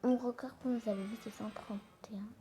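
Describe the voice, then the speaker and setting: Woman host, fairly high pitch, for halting mobile game commentary with soft whispered asides, recorded on a phone. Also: fairly even intonation, a little hiss or hum. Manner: hesitant, halting, many self-corrections. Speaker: gaming channel host. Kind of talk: casual mobile gaming commentary. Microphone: phone screen recorder mic.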